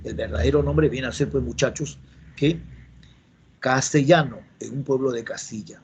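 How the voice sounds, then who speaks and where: A man's voice: medium pitch, normal speed, darkish tone. A man teaching a class, repeating key words and answering his own questions. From Peru. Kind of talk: classroom lecture. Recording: dull lo-fi classroom recording with faint noise.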